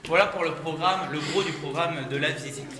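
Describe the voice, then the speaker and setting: Male tour guide, high-pitched voice, explanatory group talk with rhetorical questions, recorded in a resonating stone gallery. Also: a little fast. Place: echoing underground rock gallery. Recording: echoey cave gallery, clear background noise.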